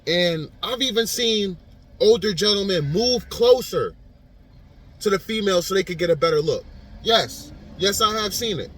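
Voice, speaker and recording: A man's voice: high voice, animated, normal speed. A man in his thirties talking casually straight to his viewers in a vlog, repeating himself and calling them "man". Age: 30s. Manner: informal, repetitive, addresses viewers as "man". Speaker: vlogger.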